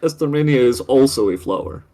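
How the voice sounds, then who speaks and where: A player in a tabletop game who teases the others with quick quips. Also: mid-range voice, expressive, mellow, faint music behind. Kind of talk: casual tabletop chat.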